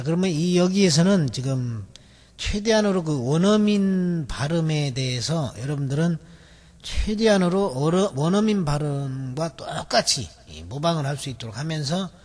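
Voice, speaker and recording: A man's voice: a little high, darkish tone. A male instructor teaching a memory technique in a recorded video lecture, explaining step by step with many fillers. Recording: long hall reverb.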